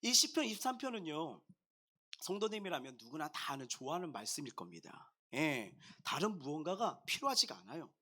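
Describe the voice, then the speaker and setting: A man preaching a sermon as pastor, talking straight to his congregation in a jovial, animated way. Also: fairly high pitch, brisk. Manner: addresses the congregation directly.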